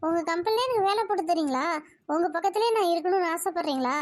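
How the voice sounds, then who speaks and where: A woman's voice: very high voice, lively intonation, fast, darkish tone, no room sound, studio quality. A woman playing a girlish lovestruck cartoon girl. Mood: coy. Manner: coy and teasing. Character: lovestruck young woman, playful and teasing. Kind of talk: cartoon voice acting.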